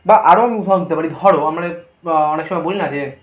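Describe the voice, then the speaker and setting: A woman's voice: low voice, a little fast. A woman teacher explaining a grammar lesson, asking her students questions and then answering them herself. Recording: echoey, dull lo-fi room recording.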